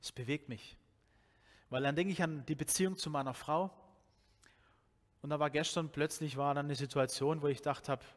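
A man's voice: a little high, normal speed, long pauses. A Swabian man in his forties preaches with a slightly raised voice, talking to the congregation as if in conversation and restarting phrases as he goes. His headset mic picks up a long, lingering reverb from the church hall around him. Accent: Swabian German. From Swabia, Germany. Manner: conversational, animated, with many restarts and fillers. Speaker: pastor. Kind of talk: sermon.

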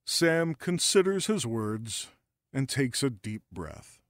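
Calm male drama narrator. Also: medium pitch, slow, no echo, studio quality. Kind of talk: scripted narration.

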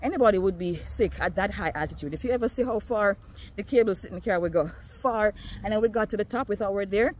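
Speaking quickly in a mid-range voice, this Jamaican woman chats with her viewers via phone as she walks outdoors on a neighborhood street. She's a vlogger, a bit winded, and there's slight background noise.

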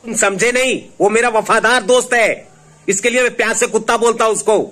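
A man's voice: very high voice, steady tone, fairly quick, sharp tone. A man playing a brash insulting uncle, bundeli. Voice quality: brash, mock-affectionate insults. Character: pushy, insulting old family friend uncle. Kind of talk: comedy sketch acting.

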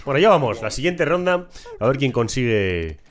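A young man giving excited, shouty live commentary over his own gameplay, swearing and laughing at himself. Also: medium pitch, normal speed. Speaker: gameplay streamer.

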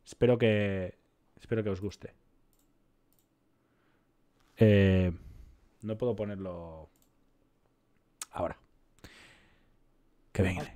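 A young man with a Spanish accent speaks in a low, warm voice, slowly and with long pauses. He's a roleplay streamer doing casual gameplay commentary, rambling, poking fun at himself and chatting with viewers.

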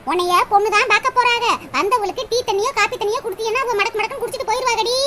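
A woman doing a shrill, scolding cartoon auntie. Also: rapid-fire. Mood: scolding comfort. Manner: scolding, chiding rural speech. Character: bossy, scolding village auntie. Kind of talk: cartoon voice acting. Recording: loud noise over the recording.

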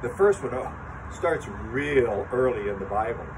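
An older man with grandchildren leading a lively children's sermon outdoors, talking straight to the kids as he tells a story. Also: medium pitch, measured pace. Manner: animated storytelling, talks to children. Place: outdoor covered chapel area. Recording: distant mic with traffic noise outdoors.

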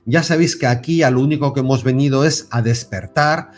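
A man with a Spain Spanish accent gives a spiritual self-help talk to camera, lively and repetitive, often checking in with his listeners. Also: mid-range voice, brisk. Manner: animated, repeats words and stresses with tag questions. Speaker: self-help video host.

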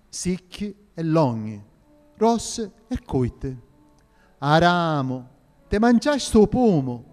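A man's voice: high-pitched, darkish tone, heavily acted. Guy doing a sicilian street storyteller, sing-song and playful, big echoey hall. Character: Sicilian folk storyteller, jolly older man. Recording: reverberant hall with faint music.

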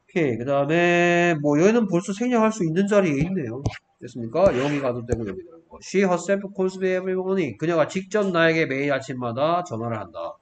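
Guy teaching english grammar, keeps asking "got it?", slightly high voice, faint hiss behind. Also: animated, brisk, hardly any pauses. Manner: checks in often with rhetorical questions. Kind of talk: explaining grammar exercises.

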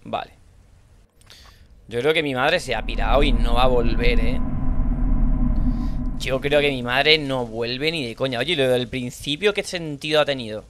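A young man with a Spanish accent from Spain, playing a horror game and thinking aloud in low mutters, now and then shouting out. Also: moderate pace, long pauses, noisy background. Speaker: gaming streamer. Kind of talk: horror let's play commentary.

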